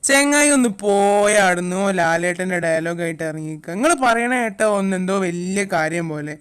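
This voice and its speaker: A woman's voice: fairly low pitch, animated, normal speed, clear, resonant tone, close to an everyday voice. A young woman voicing a teasing college guy. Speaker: fan dub voice actor. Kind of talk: amateur fan dub acting.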